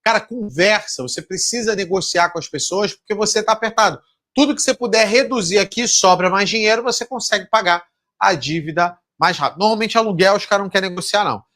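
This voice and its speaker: A man's voice: high voice, fast talker, bright, forceful tone. A man with a Brazilian accent coaching supermarket owners in a live seminar, blunt and swearing, acting out talks with suppliers and banks. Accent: Brazilian Portuguese. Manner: blunt, swears, acts out dialogues.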